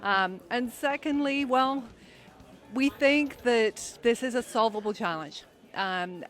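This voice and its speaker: A woman speaking for her company in an interview, explaining in a measured way. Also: mid-range voice. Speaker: company representative. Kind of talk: interview answer.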